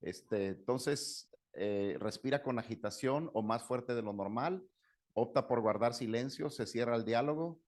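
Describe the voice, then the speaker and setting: A man's voice: mid-range voice, unhurried, a little mellow. A middle-aged man, a psychologist giving a conversational lecture, acting out quoted dialogue and often checking in with "¿no?". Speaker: psychologist giving a talk on anger. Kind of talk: lecture with anecdotes.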